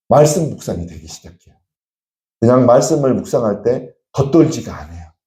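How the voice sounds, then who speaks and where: A man's voice: fairly low pitch, warm tone, echoey room. A male pastor preaching an emphatic sermon at a church prayer meeting, urging the congregation on.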